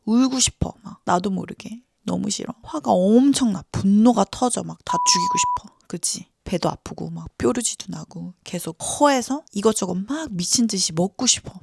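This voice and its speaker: A woman health coach explaining in a casual, chatty way, talking informally to viewers, asking quick check-in questions, and often dropping into whispered asides. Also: mid-range voice, creaky, a little mellow, dry recording, clean studio sound. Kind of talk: casual explainer talk to camera.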